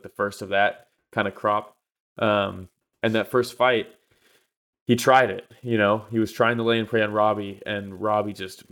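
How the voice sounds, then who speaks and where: A man co-hosting a podcast, telling a story in casual chat with lots of fillers and swearing. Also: fairly low pitch. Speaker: podcast co-host.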